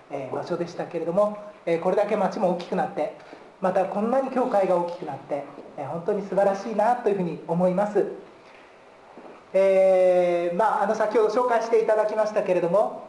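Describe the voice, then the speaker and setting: A fairly high-pitched man preaches a sermon from a church pulpit. He keeps filling pauses with a long "ee" and drops in gentle humor. The live stream carries the roomy echo of the sanctuary, with faint hiss underneath. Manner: fills pauses with drawn-out "ee", jokes lightly. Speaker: guest pastor.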